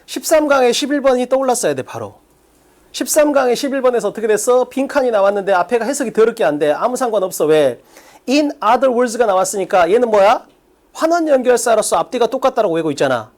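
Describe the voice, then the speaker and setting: A man teaching an English exam-prep lecture in Korean, emphatic and quick to drop into low asides. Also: very animated, darkish tone.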